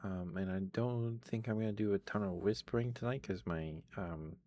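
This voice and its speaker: A man speaking softly in a casual ASMR style, reading and chatting, with a tired, worn-out voice. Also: normal speed, slight background noise. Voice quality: low, creaky voice. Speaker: ASMR host reading aloud. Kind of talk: soft-spoken ASMR reading and chat.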